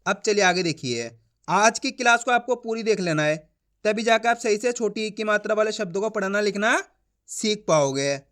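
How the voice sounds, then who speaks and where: High-voiced man teaching Hindi reading. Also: expressive, a bit bright. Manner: patient, repeats each point and checks understanding; sounds out syllables slowly and distinctly. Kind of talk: online beginner lesson.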